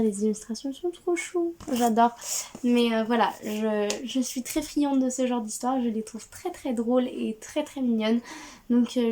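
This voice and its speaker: A woman's voice: fairly high pitch, mellow. A woman hosting a casual book haul, cheerful and gushing, with frequent hesitations and restarts. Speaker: book video host.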